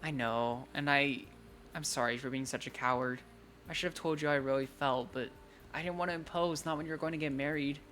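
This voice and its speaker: A shy, awkward young woman poet in a visual novel, halting and stumbling over her words, voiced plainly by a man. The voice is bright and slightly raised. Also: a little high, steady tone, a little hiss or hum, close to an everyday voice. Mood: tender. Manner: hesitant, halting.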